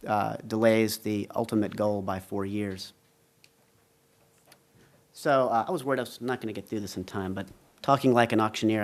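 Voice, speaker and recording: A man presents at a policy panel in a steady, mid-pitched voice. He walks the audience through his slides point by point, measured and deliberate. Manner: measured, explains slide graphs. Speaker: panel speaker. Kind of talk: conference presentation.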